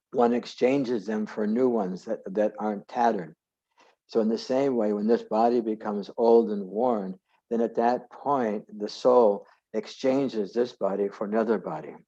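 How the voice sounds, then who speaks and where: A man with a low, mellow voice leads an informal scripture class. He wanders off on tangents and stops to correct himself. His voice comes over a muffled video call line. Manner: rambling, self-correcting, digressive. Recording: dull lo-fi video call audio.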